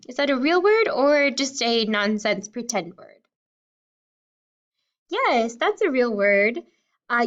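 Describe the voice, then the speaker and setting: Woman, kindergarten teacher, remote phonics drill, unhurried, sounds out every letter, muffled lo-fi audio. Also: a little high. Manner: slow, clearly sounding out letters and words. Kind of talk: remote phonics lesson for young children.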